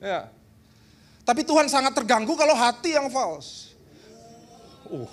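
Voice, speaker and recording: A male pastor from Indonesia delivers a seminar sermon in a church. His voice sits high, and he keeps it animated and humorous, teasing the congregation as he goes. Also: unhurried. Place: church hall.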